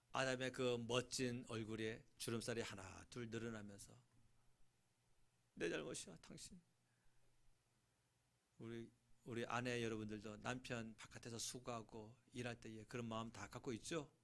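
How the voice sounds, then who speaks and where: A male pastor preaching a sermon, swinging from shouting to hushed asides and acting out scenes. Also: mid-range voice.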